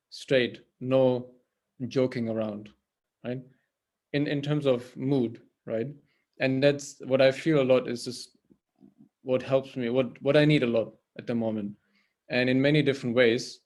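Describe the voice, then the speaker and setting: A man's voice: medium pitch, steady tone, unhurried, a little mellow. Man, informal spiritual talk, video call, hesitant, repeats words, keeps asking "right?". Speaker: temple priest and guest speaker.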